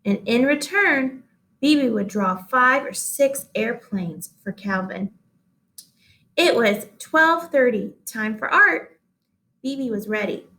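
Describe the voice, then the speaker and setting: A woman with a fairly high pitch reads a children's storybook aloud slowly, in an expressive storytelling style. The recording is rough.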